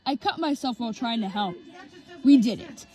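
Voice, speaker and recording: A woman reading her own homemade story aloud, in a halting way with restarts. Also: on the high side, expressive, mellow.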